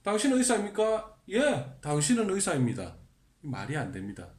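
Man, English teacher, beginner grammar lesson, rhetorical questions, drilled example sentences, lively rise and fall, echoey room. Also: on the high side, normal speed.

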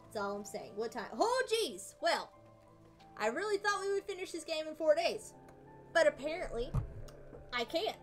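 Female streamer with a high voice, casual play-by-play, thinks aloud, soft game music underneath. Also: sing-song, normal speed, long pauses. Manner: chatty, thinking aloud, self-deprecating. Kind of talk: casual gameplay commentary.

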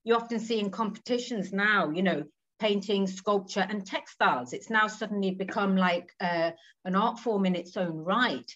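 A woman's voice: mid-range voice, normal speed, fairly bright tone. A woman, chatting thoughtfully as an interview guest over a video call. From England. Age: 40s. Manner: chatty, thoughtful, trailing asides with tag questions. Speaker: guest textile artist. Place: home room with green walls. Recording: slightly dull video-call audio.

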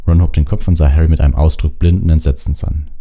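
Very dark, low-voiced male storyteller. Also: quick pace. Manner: expressive reading with occasional slips and restarts. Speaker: audiobook reader. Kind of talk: storybook audiobook narration.

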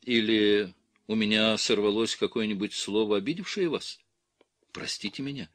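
A man's voice: lowish voice, moderate pace, a bit bright, no room sound, close to an everyday voice. A man voicing a young earnest nun. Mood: earnest pleading.

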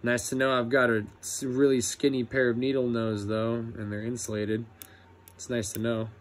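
A young man, an electrician apprentice, showing his tools in a casual vlog, relaxed and cussing freely with lots of ums. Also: mid-range voice, moderate pace. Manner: laid-back, swears a lot, many ums. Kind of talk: casual tool review vlog.

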